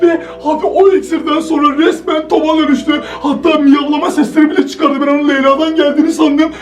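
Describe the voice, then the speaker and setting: Young guy with a really high voice, yelling and narrating to viewers at home. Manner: excitable, shouting, breathless narrating. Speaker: co-host. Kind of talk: comedy skit commentary to viewers. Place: indoors at home.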